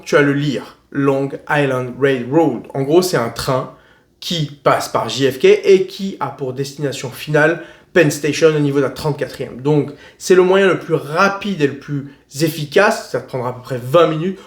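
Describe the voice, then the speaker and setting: A man's voice: on the high side, normal speed. A man giving casual travel tips in a vlog, slangy, blunt and joking. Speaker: travel vlogger. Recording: roomy echo.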